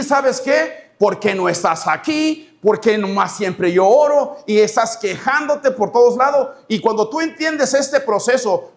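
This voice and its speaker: A male pastor preaching a sermon, animated, repeating words and voicing prayers aloud. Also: very high voice. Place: church sanctuary.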